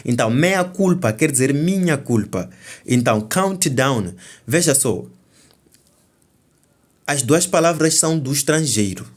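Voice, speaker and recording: A man's voice: mid-range voice, expressive, unhurried, long pauses. A man with a Mozambican Portuguese accent, an exam tutor going through the answers step by step and checking in with "ok?" as he goes. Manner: explains step by step, often stopping to say "então" and "ok?".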